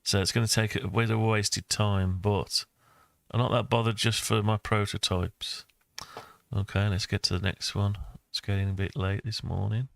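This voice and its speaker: Speaking at a moderate pace, an older maker and video host talks through a screen-recorded tutorial in a low, smooth, very flat voice. He's casual, rambling and thinking out loud, recorded close and dry on what sounds like a desk mic with no room sound.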